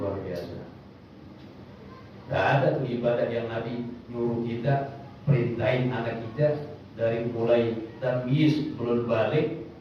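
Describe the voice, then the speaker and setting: A man's voice: medium pitch, slight background noise. A man teaching a casual religious study session, reciting Arabic lines and explaining them in everyday storytelling. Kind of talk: informal Islamic study sermon. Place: small prayer hall, echoey. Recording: echoey, distant, dull room recording.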